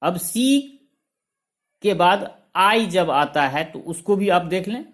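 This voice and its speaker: Slow, deliberate male teacher. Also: high voice. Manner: spells words out letter by letter, deliberate; lists examples in a steady rhythm. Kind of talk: classroom-style lesson explanation.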